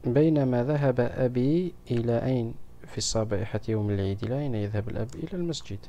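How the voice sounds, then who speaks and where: A man's voice: medium pitch, fast, mellow. A man, a primary school teacher, patiently going through a grammar exam with children and asking them questions.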